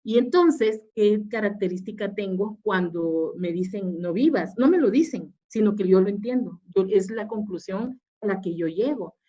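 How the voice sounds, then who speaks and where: A woman's voice: medium pitch, normal speed, few pauses, dark tone. A woman psychologist giving a webinar lecture, explaining patiently with fillers and restarts. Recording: dull lo-fi webinar audio.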